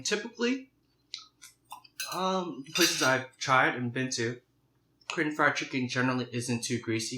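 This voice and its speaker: A young man with a bright, forward voice hosts a casual eating video over crunchy fried chicken. He talks to the camera in a halting, conversational way. The sound is roomy, as in an echoing home kitchen. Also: mid-range voice. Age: young adult. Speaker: mukbang video host.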